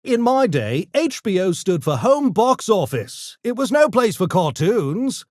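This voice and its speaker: Brain Gremlin, pompous high-voiced cartoon creature. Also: male voice, sing-song, measured pace, a little mellow, dry recording, studio quality. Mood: dry, condescending. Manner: pompous, wordy, mock-genteel diction. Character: small, erudite, smug male gremlin genius with mischievous menace. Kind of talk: video game character voice lines.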